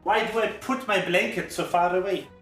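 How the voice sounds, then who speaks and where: A woman streaming a video game from home, chatting casually with relaxed, wry asides to herself. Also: on the low side, normal speed, soft background music. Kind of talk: casual livestream gameplay chat.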